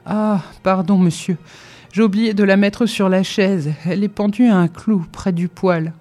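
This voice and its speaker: A woman's voice: medium pitch, steady tone, moderate pace, warm tone, faint music behind, close to an everyday voice. A woman voicing a tearful, put-upon female house cook who complains plaintively. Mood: apologetic.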